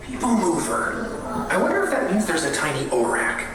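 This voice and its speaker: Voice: medium pitch, sing-song, normal speed. An actor playing a cheerful, chatty space-age tour guide, narrating a theme park ride with showy enthusiasm. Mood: cheerful, enthusiastic. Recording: very echoey distant ride speakers, loud music.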